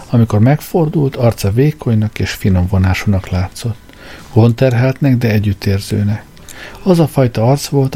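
A man reading a story aloud as narrator, in a measured storytelling manner. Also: on the low side, mellow, slightly rough. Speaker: audiobook narrator. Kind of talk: scripted narration. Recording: faint background music.

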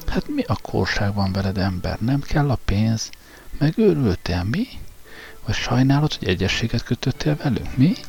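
A brutal, mocking guard who taunts his victim in a coarse, low voice, as a male narrator plays him. The scene is read as an audiobook with faint music beneath. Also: sing-song, vocal fry, darkish tone. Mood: mocking threats.

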